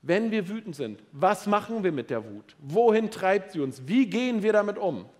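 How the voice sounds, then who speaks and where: A middle-aged man delivers a sermon with a voice that swings widely in pitch and sits a little high. He is playful and direct, firing questions at the congregation. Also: moderate pace. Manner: lively, playful, addresses the audience directly. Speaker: preacher.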